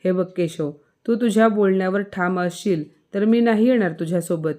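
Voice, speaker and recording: A woman's voice: mid-range voice, normal speed, mellow, natural voice. A woman voicing a proud, stubborn young wife who speaks with indignation. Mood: indignant.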